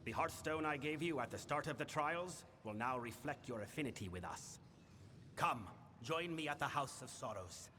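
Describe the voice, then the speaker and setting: An actor playing a solemn, imperious Fae lord in a fantasy game, speaking in a grave, measured, formal way. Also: male voice, medium pitch, expressive, bright, forceful tone. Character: solemn, imperious male Winter Fae lord of a failing house. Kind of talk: scripted fantasy game dialogue. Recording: long hall reverb, background noise.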